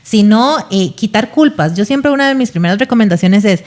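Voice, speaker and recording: A woman's voice: medium pitch, expressive, a little fast, darkish tone. A woman speaking as a speech therapist guest on a podcast, explaining patiently and often checking in with "¿verdad?".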